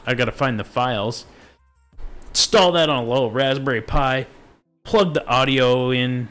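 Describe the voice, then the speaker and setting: A man's voice: mid-range voice, moderate pace, fairly bright tone. Man, casual tech stream host, rambling, jokey, faint music underneath. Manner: rambling, goes off on tangents; laid-back, jokey, self-interrupting. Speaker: show host. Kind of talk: casual live-stream commentary.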